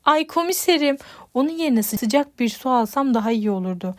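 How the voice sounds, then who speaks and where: A woman's voice: high-pitched, expressive, a little fast, no room sound, studio quality. A woman voicing a sarcastic, exasperated young woman held in a police cell in an audiobook.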